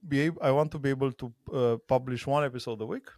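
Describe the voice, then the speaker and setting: A man's voice: medium pitch, fairly even intonation, fast, darkish tone, no echo, clean studio sound. A man around forty from Romania, a native Romanian speaker, chatting casually as a podcast guest with a rambling, laughing manner. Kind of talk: casual video-call chat.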